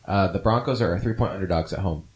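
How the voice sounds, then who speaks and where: Low-voiced man hosting sports chat. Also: fast, a little mellow. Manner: rambling, opinionated, frequent fillers. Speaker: podcast host.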